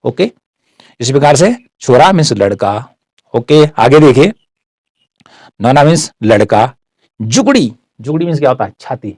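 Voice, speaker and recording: A man's voice: mid-range voice, very animated, normal speed, pauses often, darkish tone, no echo. A dry-voiced man teaching word meanings. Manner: repetitive, checks in with "ठीक है". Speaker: teacher explaining Garhwali words. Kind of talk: explanatory word-by-word lesson.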